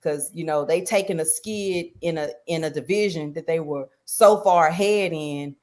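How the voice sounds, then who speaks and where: A woman co-hosting a casual sports pick'em chat, talking loosely and getting loud and animated as she vents. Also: low voice, moderate pace. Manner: animated, loud and laughing when worked up. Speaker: podcast co-host.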